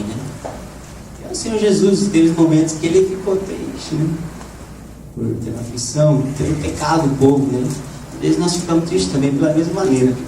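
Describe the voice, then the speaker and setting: A slightly hoarse man preaching a lively sermon to a congregation, often asking "né?" and rising into shouts. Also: on the high side. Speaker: evangelist preacher. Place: church hall. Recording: echoey church room, voice from far off, background noise.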